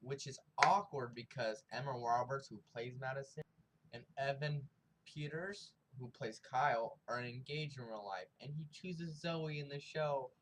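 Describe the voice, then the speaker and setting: A man's voice: medium pitch, unhurried, fairly bright tone, rough recording. A young man casually recapping and reviewing a TV episode, rambling in slang and acting out the characters' lines, with faint noise behind him.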